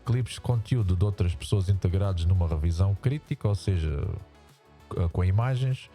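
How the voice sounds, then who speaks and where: Male vlogger, European Portuguese accent, disguised by a voice changer that makes him very low and dull, rambling casual commentary. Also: moderate pace, mellow, faint music behind. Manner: rambling, many restarts and repetitions. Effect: voice changer, pitched down. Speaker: YouTuber reacting to a sports show.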